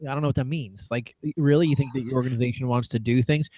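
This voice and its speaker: A man's voice: mid-range voice, fairly even intonation, fast talker, mellow, no echo. A man co-hosting a casual sports podcast, rambling through stories and laughing at his own jokes. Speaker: podcast co-host.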